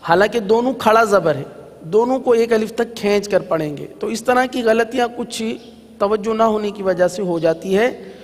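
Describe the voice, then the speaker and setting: A man teaching Quran reading in an Islamic lesson. He chants letter spellings in a sing-song and then explains quickly. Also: high-pitched, in a large hall.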